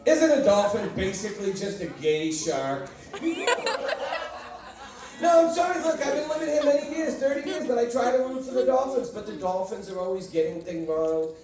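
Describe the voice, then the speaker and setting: This Boston comic has a warm voice that sits high, and he works the room in his Boston accent, trading brash, punchy stories and banter with listeners. Captured from a distance in an echoey club, the sound includes crowd noise and laughter.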